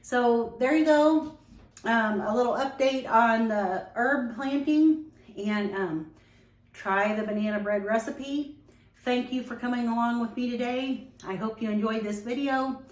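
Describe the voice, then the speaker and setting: A woman hosting a casual home vlog, chatty and relaxed with many ums. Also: fairly high pitch, a little slow. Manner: talks while tasting, mouth full. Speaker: home cooking vlogger. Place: home kitchen and growing room. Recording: roomy home echo.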